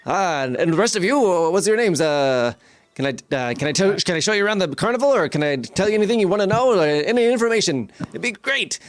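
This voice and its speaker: A man's voice: sits high, animated, quick pace, no echo, pitched above the performer's own voice. A man playing a gushing, overeager carnival barker. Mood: eager. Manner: chirpy, pushy, gushing. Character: overeager male carnival barker, soulless tour guide.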